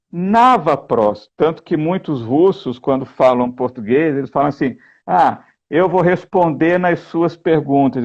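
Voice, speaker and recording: Male guest in a lesson, slow and methodical, higher-pitched than most men, muffled lo-fi audio. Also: gravelly, darkish tone. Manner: slow, explanatory, keeps asking "né?". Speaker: guest reading and translating a text. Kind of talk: explaining grammar in a lesson.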